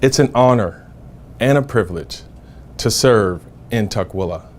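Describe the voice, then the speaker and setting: A man, a city council member seeking re-election, giving a deliberate campaign statement in short phrases. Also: on the low side, lively intonation, a little hiss or hum.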